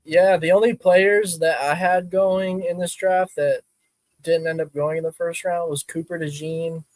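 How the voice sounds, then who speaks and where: A man's voice: fairly high pitch, fairly even intonation, a little slow, darkish tone, dry recording. A man co-hosting a casual sports podcast, laid-back, often restarting his phrases. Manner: laid-back, stammers on restarts, says bro. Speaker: podcast co-host.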